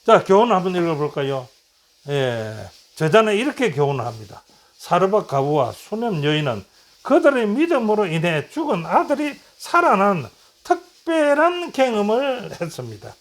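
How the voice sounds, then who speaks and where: Lively high-voiced man teaching a Bible lesson. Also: normal speed. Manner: acts out quoted lines in a lower voice, asks and answers his own questions. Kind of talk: Bible lesson retelling stories.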